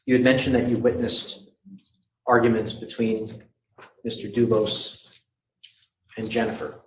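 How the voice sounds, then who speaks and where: A man, a prosecutor, questioning a witness in formal, measured tones, heard in a courtroom recording. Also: fairly low pitch, little pitch movement. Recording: echoey courtroom with faint noise.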